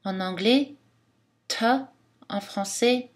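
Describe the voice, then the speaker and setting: A woman teaches phonetics at an unhurried, measured pace. She pronounces each sound carefully as she demonstrates it. Her voice sits at a middle pitch. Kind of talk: scripted lesson narration.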